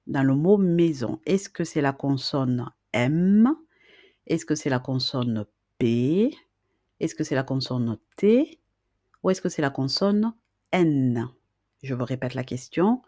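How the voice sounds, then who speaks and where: Slow, low-voiced woman teaching letters. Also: warm tone, no room sound, studio quality. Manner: patient, repeats questions, checks with "d'accord?". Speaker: reading and writing teacher. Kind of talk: slow, patient lesson.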